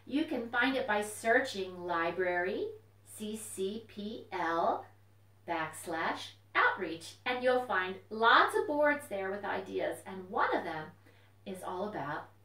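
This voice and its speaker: A woman with a medium-pitched, fairly bright voice hosts a children's storytime at home, using simple phrases, questions and encouragement for young kids. She's a children's librarian, recorded on a distant mic in an echoey room.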